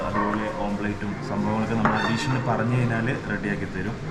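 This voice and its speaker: A man with a Malayali accent giving casual vlog narration, mixing many English words into his Malayalam. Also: medium pitch. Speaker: travel vlogger reviewing a resort. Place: on location around a resort, rooms and rooftop. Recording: echoey, clearly noisy location sound.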